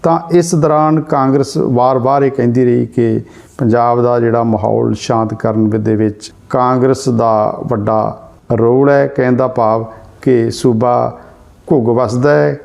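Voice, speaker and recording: A man with a Punjabi accent presenting a news commentary in a measured way, rephrasing his points with several near-synonyms. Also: medium pitch, fairly even intonation, gravelly, a little mellow.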